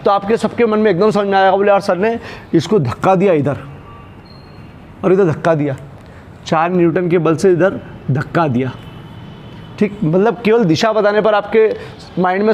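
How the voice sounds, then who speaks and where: A man's voice: high voice, darkish tone, a little hiss or hum. A male physics teacher giving a classroom lecture. He keeps asking his students questions and answering them himself. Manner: calls students "beta" and "bhaiya", handles props while explaining.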